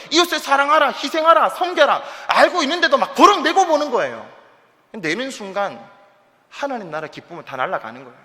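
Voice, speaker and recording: A male pastor preaching a lively sermon to his congregation, with sudden quiet asides. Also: very high voice. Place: church sanctuary. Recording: long hall reverb.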